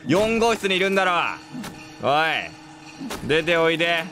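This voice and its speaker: A man voicing a taunting male killer with an axe, calling out slow, drawn-out mocking threats to someone hiding. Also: on the high side, sing-song, sharp tone, faint music behind, exaggerated voice. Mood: menacing.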